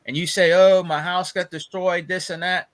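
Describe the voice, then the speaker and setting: A man with a high-pitched voice speaks at a normal pace in a flat delivery. He's a podcast co-host engaged in casual chat, gossip and storytelling, often saying "bro" and repeating phrases for emphasis.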